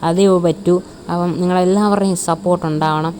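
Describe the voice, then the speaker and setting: Chummily calling viewers buddies, a woman host of a gaming channel with a Malayali accent gives casual commentary in mixed Malayalam and English. She speaks briskly in a lowish, darkish voice with fairly even intonation, and there's a little hiss or hum.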